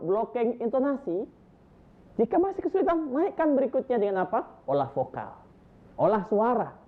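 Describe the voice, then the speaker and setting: A man gives a storytelling lesson, stressing each point with lively, climbing emphasis. His voice sits at a middle pitch. The recording is thin and tinny, like a phone line. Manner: lively, emphatic, lists points with rising energy. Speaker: storytelling teacher. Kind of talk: instructional talk to storytellers.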